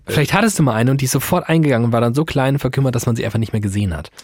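A man co-hosts a podcast, teasing his partner in a dry, mock-lecturing way. His voice is slightly husky and sits at a middle pitch. The recording is close and dry. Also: racing, a little mellow, no echo. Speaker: podcast co-host. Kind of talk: casual banter. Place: podcast studio.

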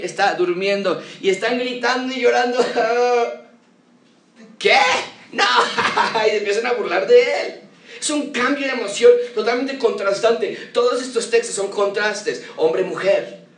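A man's voice: high voice, distant mic. Emphatic preacher man in echoey room. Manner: emphatic, rhetorical questions, varied pace. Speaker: pastor. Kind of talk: expository sermon.

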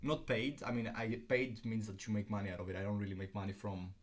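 A young Greek man, a filmmaker appearing as a student guest, talks quickly in a fairly low, level voice. The interview is casual, and his speech is full of ums and restarts.

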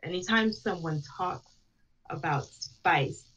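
A woman's voice: fairly low pitch, takes it slowly, a bit bright. A young woman from Jamaica, a podcast guest chatting casually with lots of "like" and "you know". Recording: slightly dull sound with faint noise.

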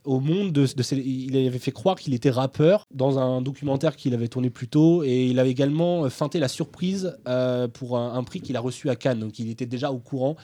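A man's voice: mid-range voice, fairly quick, few pauses, warm tone. A young man presenting a film segment in a casual student show, hesitant and full of fillers. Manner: hesitant, filler-heavy delivery. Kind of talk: casual chat.

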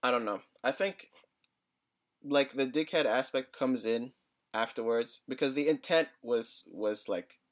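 Here a young man with a mid-range voice talks a little slowly while co-hosting a casual podcast chat. He hesitates often, says "like" a lot, and lets out little chuckles.

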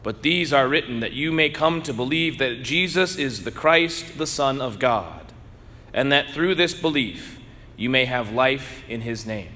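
A man preaching as a priest, reading the gospel slowly and then preaching earnestly, his voice ringing with cathedral echo in a large church. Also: mid-range voice, lively intonation, sharp tone. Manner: slow, measured reading that turns earnest and emphatic in preaching. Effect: cathedral echo, long church reverb. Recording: echoey church with long reverb.

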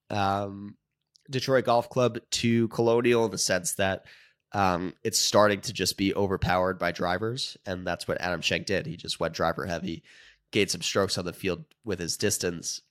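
A man's voice: deep voice, fairly even intonation, normal speed, smooth, no room sound, studio quality. A man who is sick, hosting a golf betting show in a loose, casual monologue full of ums. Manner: loose, filler-heavy talk with frequent ums. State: sick, under the weather. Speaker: golf betting podcast host.

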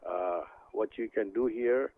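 An older man from India, a guest author, talking by phone in a halting way with many pauses and restarts. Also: on the low side, no room sound. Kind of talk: phone interview. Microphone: telephone. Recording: tinny phone line.

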